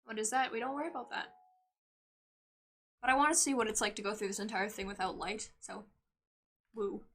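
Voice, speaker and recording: A young woman streaming a game live, chatting playfully as she plays, with sudden loud outbursts and giggles. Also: medium pitch, fairly even intonation, brisk, slight background noise.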